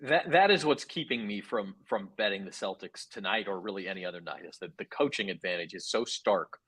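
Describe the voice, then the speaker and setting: A man co-hosting a sports betting talk show, pushing back with measured, reasoned points. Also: on the low side, animated, fairly bright tone, husky. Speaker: sports betting podcast co-host. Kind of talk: casual sports betting debate.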